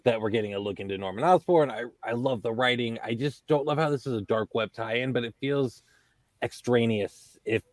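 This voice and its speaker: A man's voice: medium pitch, fairly quick, no room sound. A man co-hosting a comics podcast, enthusiastic and casually profane. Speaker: podcast co-host. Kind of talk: casual chat about comics.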